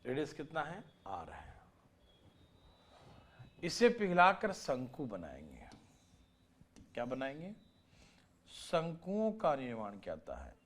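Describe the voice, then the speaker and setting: Male maths tutor, live online class, pitch up and down a lot, keeps repeating key steps and telling students to pay attention. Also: huge pitch swings, takes it slowly, long pauses, fairly bright tone. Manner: repeats and stresses each step, urging students to listen; mixes English terms into Hindi explanations. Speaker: maths teacher.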